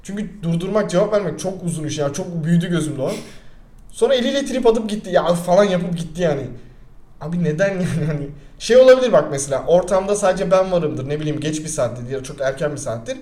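A young man co-hosting a casual talk show, spilling anecdotes at high speed with a joking, rambling energy. His voice sits somewhat high yet sounds dark and mellow. The room around him has a noticeable echo. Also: fast. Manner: rambling, joking, animated storytelling. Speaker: podcast co-host. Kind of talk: casual chat.

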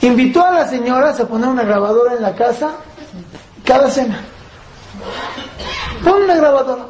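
A woman's voice: high voice, expressive, moderate pace. A woman teaching a parenting class, asking the class rhetorical questions and acting out parent-child dialogue. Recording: roomy echo, faint background noise.

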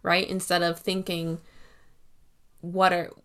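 A woman's voice: lowish voice, monotone, slow pace, a bit bright. A woman hosting a podcast, thoughtful and enthusiastic, often restarting her sentences. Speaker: podcast host. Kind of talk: casual podcast chat.

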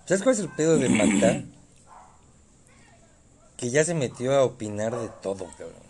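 A Mexican man from Yucatán in a casual podcast chat, blunt and crude, often pausing on fillers. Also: medium pitch, sing-song, a little mellow, slight background noise. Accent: Mexican Spanish. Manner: blunt, swears, hesitant with fillers. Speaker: podcast co-host.

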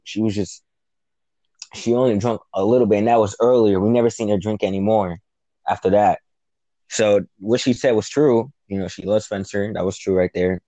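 Guy recapping a show, low mellow voice, animated and a bit sweary. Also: dry recording. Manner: animated, acts out quotes, swears casually. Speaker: podcast co-host. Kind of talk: casual TV episode recap.

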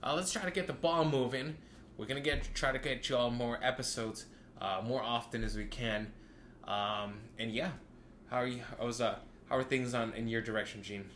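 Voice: mid-range voice, steady tone, moderate pace, a bit bright, roomy sound, a little hiss or hum. A podcast host talking casually and emphatically in slang, often repeating phrases. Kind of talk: casual wrestling podcast talk.

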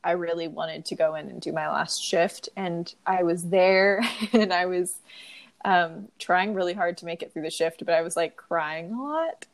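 A young adult woman with a lowish voice and vocal fry co-hosts a podcast, telling a story in casual chat. She's talkative and uses lots of fillers, and she sounds sniffly from crying.

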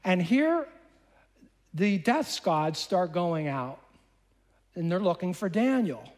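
Male preacher, high voice, animated storyteller, casual asides, acts out dialogue. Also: slow. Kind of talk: sermon storytelling.

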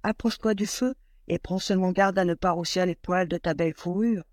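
A man voicing a kind mother who gently reassures her two daughters in a read-aloud fairy tale. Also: high-pitched, steady tone, brisk, dry recording, clean studio sound, natural voice. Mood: gentle.

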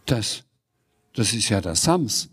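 A man voicing a bossy, excitable older woman landlady who talks in a shrill, impatient way in a storybook reading. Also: takes it slowly, slightly rough, heavily acted. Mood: agitated.

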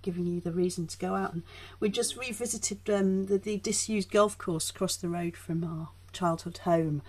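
A woman with a soft Yorkshire accent chats casually, emphatically, often breaking off and circling back mid-thought. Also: lowish voice, steady tone, normal speed. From northern England (Yorkshire), born in Essex. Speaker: guest, performer. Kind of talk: casual conversation.

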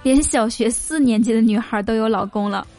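A woman's voice: on the high side, a little fast, loud music behind the voice. A woman hosting a comedy show in a casual monologue, chatting directly to listeners with teasing questions.

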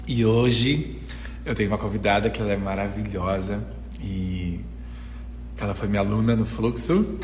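A man hosting a live online interview, effusive and full of fillers and restarts. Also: lowish voice. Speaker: host. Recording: hall reverb, faint ambient noise.

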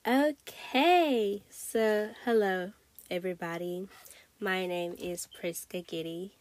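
A woman's voice: mid-range voice, slow, dry recording. Young woman from Togo, dry close sound. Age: late teens. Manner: informal, hesitant, peppered with "you know" and "like". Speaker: podcast host. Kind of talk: casual rambling solo podcast chat.

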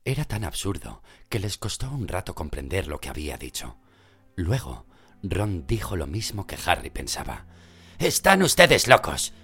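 A man reading a story aloud in an expressive, dramatic narration. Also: deep voice, moderate pace, slightly rough. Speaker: audiobook reader.

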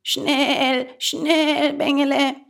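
A woman's voice: high voice, level tone, very slow, vocal fry, a bit bright, pitched above the performer's own voice, heavily acted. A woman voicing an urgent, bleating female goat calling out.

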